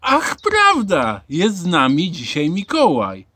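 A man's voice: high voice, wildly swooping pitch, takes it slowly, pushed and bright, slightly rough, heavily acted. Man doing a stern school supervisor. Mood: warm. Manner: firm, commanding. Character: stern but kindly male school supervisor.

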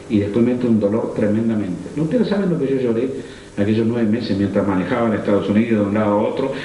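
A middle-aged man with a Rioplatense Spanish accent preaching a sermon, swinging between high fervent cries and low intimate tones. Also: mellow. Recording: echoey room, faint ambient noise.

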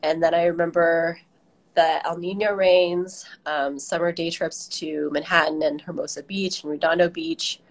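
Her deep, gravelly voice comes through on poor audio. The guest is a middle-aged American garden director from Southern California, answering an interviewer reflectively on a video call from a room at home with the device an arm's length away.

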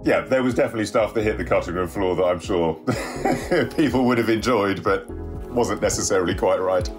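A man's voice: lowish voice, fairly quick, faint music behind. A man being interviewed about making a documentary, speaking discreetly with a chuckle. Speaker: documentary filmmaker guest. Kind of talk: casual interview chat.

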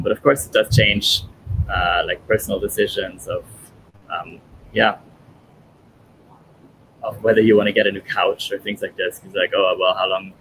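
A man in his thirties, born in Italy and raised in German-speaking Europe, is a guest answering interview questions thoughtfully over a video call, with many fillers. His deep voice has a sharp tone. He uses a headphone mic, and the audio is poor with slight background noise.

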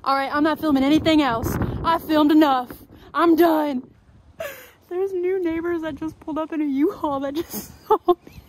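A woman's voice: high voice, fairly even intonation, normal speed, a little hiss or hum, low-quality recording. A young woman vlogging while she gardens outdoors, rambling and joking at the camera. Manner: rambling, jokey and self-mocking, talking to the camera while gardening. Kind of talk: casual chat.

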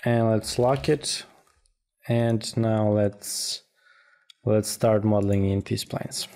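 Male software tutor, informal voice-over. Slightly deep, monotone, hesitant, with repeated words. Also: slow pace. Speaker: tutorial instructor. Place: voice-over for a screen recording.

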